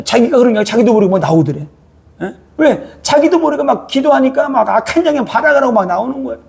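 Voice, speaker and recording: A man's voice: very high voice, creaky, a little mellow, slightly rough. A male pastor preaching a sermon in a church, speaking colloquially and prodding listeners with a repeated "eh?".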